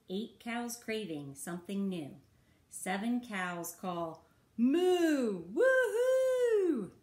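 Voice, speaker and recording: A woman reading a rhyming picture book aloud for children in a slow, rhythmic sing-song. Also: medium pitch. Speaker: children's story reader. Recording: roomy echo.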